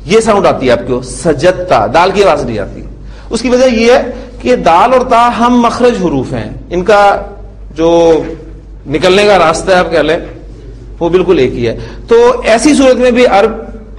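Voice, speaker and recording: In a classroom lecture on Arabic grammar, a man drills word forms slowly, syllable by syllable, and keeps asking the class checking questions. His voice is high and sing-song, and the audio quality is poor.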